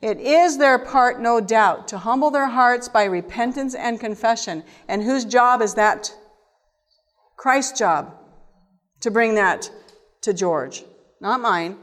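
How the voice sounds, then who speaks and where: A woman giving a sermon-style teaching to a group, animated, moving between hushed and emphatic delivery. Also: on the high side, slow. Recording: long reverb of a hall.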